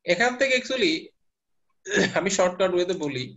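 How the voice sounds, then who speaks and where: A man's voice: sits high, expressive, moderate pace, a bit bright. Man lecturing in a muffled recording. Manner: explains step by step, quizzes students. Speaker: university teacher. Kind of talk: lecturing class, mixing English terms.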